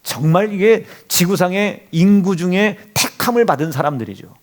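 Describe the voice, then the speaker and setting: A man's voice: high voice, lively intonation, moderate pace. A male pastor preaching a sermon in a church, asking the congregation rhetorical questions and acting out quotes. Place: church sanctuary. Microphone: handheld or stand microphone.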